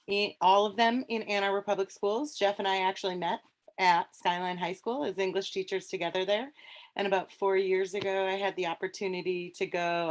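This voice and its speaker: A middle-aged woman with an Upper Michigan Yooper accent and elongated vowels, presenting informally on a webinar as a teacher. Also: medium pitch. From Upper Peninsula of Michigan, United States.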